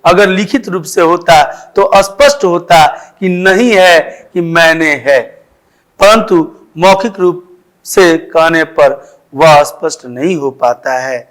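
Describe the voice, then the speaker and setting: Man teaching a class, high voice, unhurried delivery, repeats examples with emphasis. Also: a bit bright. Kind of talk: grammar lesson for schoolchildren.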